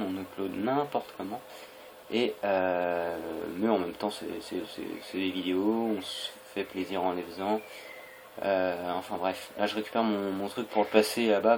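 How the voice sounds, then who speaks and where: A young adult Frenchman gives casual, hesitant and rambling gameplay commentary on a noisy home recording. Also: low-pitched. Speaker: gaming video creator.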